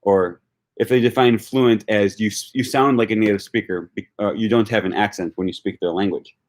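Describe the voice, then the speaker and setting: Brisk and fairly even in intonation, this man's lowish voice carries a Wisconsin accent. He's a language-learning YouTuber from Wisconsin, chatting casually on a livestream and replying to viewer comments while thinking aloud with many fillers and restarts.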